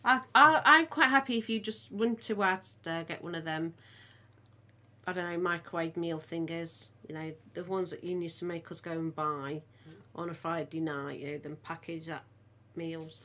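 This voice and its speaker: A woman's voice: on the low side, fairly even intonation, moderate pace, bright, forceful tone. A middle-aged woman with a Midlands accent, chatting casually as a podcast co-host and telling stories with frequent laughter. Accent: English Midlands. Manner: chatty storyteller, laughs often. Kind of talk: casual family chat.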